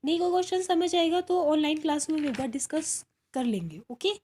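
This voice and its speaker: A woman's voice: high voice, a little fast, a little mellow, a little hiss or hum. A woman teaching primary school from a worksheet, patiently walking young pupils through each step and often checking they follow. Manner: patient, repeats "ठीक है" and calls pupils "बेटा". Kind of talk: recorded worksheet lesson for children.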